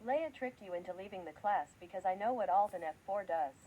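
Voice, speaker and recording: A woman's voice: medium pitch, expressive, fairly quick, narrow, tinny audio, slight background noise, lightly acted. A woman reading as a matter-of-fact schoolgirl. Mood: explaining. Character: helpful schoolgirl classmate.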